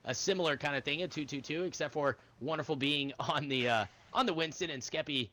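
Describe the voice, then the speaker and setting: A man doing energetic play-by-play commentary on an esports match, calling the action in quick bursts. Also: a little high. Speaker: esports caster.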